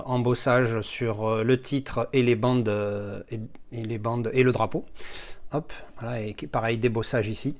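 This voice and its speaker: Tired, sick man unboxing films. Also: mid-range voice. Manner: chatty, rambling, many fillers and restarts; blunt, swears casually. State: ill and worn out. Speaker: video host unboxing films. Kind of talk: casual unboxing vlog.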